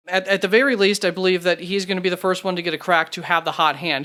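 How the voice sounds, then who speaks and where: A man's voice: high voice, bright, forceful tone, clean tone. A man hosting his fantasy football channel, talking through notes in a casual, conversational way with frequent fillers and self-corrections. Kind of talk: casual solo analysis.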